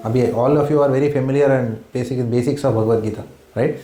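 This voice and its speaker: Indian guy from bombay leading a home class, talks fast, mellow tone, keeps going hmm? right?. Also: mid-range voice, steady tone, reverberant. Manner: keeps checking in with "hmm?" and "right?", quizzes listeners with questions. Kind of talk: spiritual class talk mixing English and Hindi. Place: room in a home.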